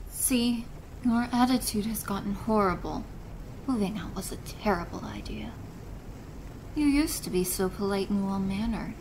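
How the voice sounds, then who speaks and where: A woman playing a possessive, doting and controlling stepmother in an ASMR role-play drama, chiding in a deliberate, motherly way. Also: mid-range voice, close to an everyday voice. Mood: stern, controlling. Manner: slow, deliberate, softly chiding, maternal. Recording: noisy rain ambience behind voice. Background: rain.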